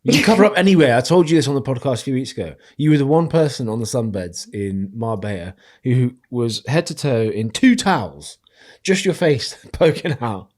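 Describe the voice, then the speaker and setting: A man's voice: medium pitch, animated, normal speed, darkish tone. A man co-hosting a podcast, teasing his co-host in casual banter. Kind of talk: casual chat.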